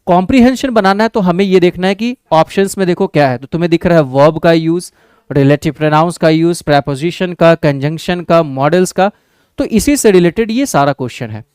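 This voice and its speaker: Indian male English teacher, crisp voice. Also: a little high, darkish tone, no echo. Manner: checks in with the class, calls students "babu" and "bhai"; reads English sentences out slowly and deliberately. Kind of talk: exam-prep lesson.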